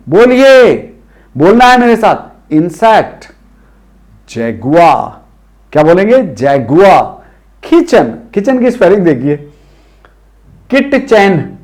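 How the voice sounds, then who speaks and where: A middle-aged Indian teacher with a high, very lively voice runs a pronunciation drill. He speaks slowly and has listeners repeat each word after him. His tone swings up and down as he corrects them. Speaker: English teacher. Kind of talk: spoken English lesson.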